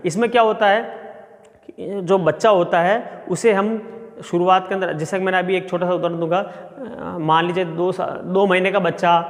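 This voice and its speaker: A man's voice: high-pitched, steady tone, moderate pace. A middle-aged male sociology professor giving a classroom lecture and explaining step by step with everyday examples. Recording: long reverb.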